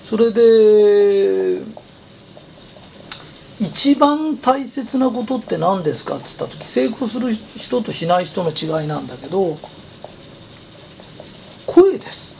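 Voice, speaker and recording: A man's voice: high voice, lively intonation, a little slow, vocal fry, a little mellow, slight background noise. A man who runs a company, giving a chatty, emphatic motivational talk. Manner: chatty, emphatic, persuasive storytelling. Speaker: company president.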